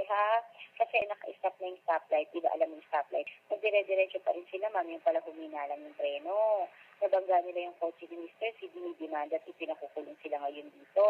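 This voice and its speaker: A man with a husky voice speaking over the phone, often checking that the listener follows. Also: sits high. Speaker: phone caller. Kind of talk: phone conversation. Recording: tinny, narrow telephone line.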